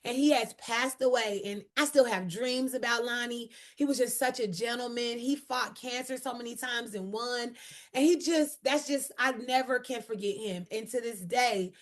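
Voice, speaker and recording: Woman comedian, interview guest; bold, lively delivery, higher-than-average voice. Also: moderate pace. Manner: bold, energetic, emotional at times. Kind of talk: animated interview storytelling.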